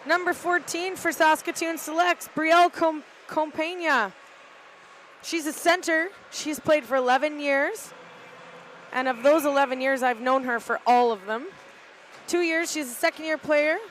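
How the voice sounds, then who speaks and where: Mom doing live rink commentary up in the balcony, highish voice, lots of uh's, faint arena hum behind. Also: female voice, fairly bright tone, low-quality recording. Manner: casual, halting, frequent "uh" fillers. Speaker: volunteer play-by-play commentator. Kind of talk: live amateur sports commentary.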